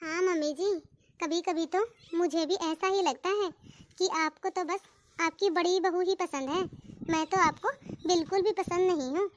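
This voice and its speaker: A woman voicing a sharp-tongued, jealous younger daughter-in-law in a cartoon, taunting and sarcastic. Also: very high voice, steady tone, moderate pace. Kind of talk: cartoon voice acting.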